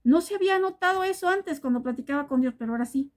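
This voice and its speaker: A woman's voice: sits high, animated, fast. A woman preaching a sermon, asking question after question and often turning to the listeners as brothers and sisters.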